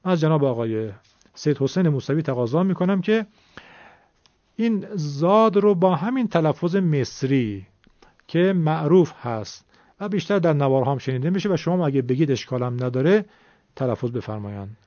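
Patient male recitation teacher, dark dull voice. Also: on the high side, expressive, dry recording. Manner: patient, demonstrates sounds slowly. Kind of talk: explanatory lesson. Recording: dull lo-fi recording.

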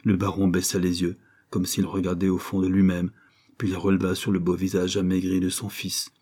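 A man reads a classic novel aloud in a measured, even narration. His voice sits low, dark and mellow. It has a husky edge. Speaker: audiobook narrator.

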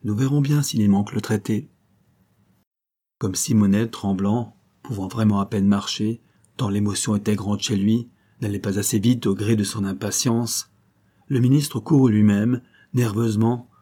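A man reading a novel aloud in measured, dramatic narration, phrase by phrase. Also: fairly low pitch, dark tone. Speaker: audiobook narrator. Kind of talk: scripted narration.

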